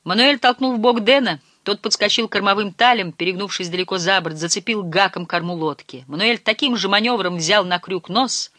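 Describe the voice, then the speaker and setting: A reader giving measured, scripted narration of a storybook. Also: mid-range voice, pushed and bright, no room sound, studio quality. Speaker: audiobook reader.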